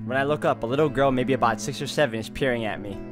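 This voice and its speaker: Over music, a let's play host with a mid-range voice talks fast, combining gaming commentary with a dramatic read-aloud of visual novel narration. He delivers the narration theatrically and openly shows his reactions.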